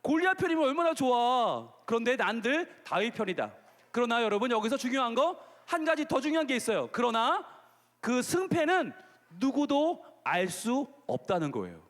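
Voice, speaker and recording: High-voiced playful pastor in a hall. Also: male voice, big pitch swings, normal speed, a bit bright. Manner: playful, questioning the children. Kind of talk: children's sermon. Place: large gymnasium. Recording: long reverb of a gymnasium hall.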